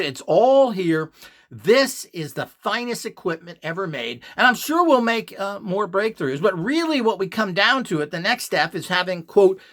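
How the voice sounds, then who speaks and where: A man with a high, somewhat bright voice hosts a channel and delivers an opinionated monologue to camera or listeners. He is emphatic and scornful, frequently firing off rhetorical questions.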